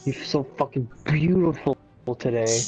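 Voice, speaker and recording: A man's voice: mid-range voice, normal speed, darkish tone, muffled recording, soft background music. A man with a French accent, a native French speaker, chatting casually and jokingly in non-native English over a game. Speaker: gamer.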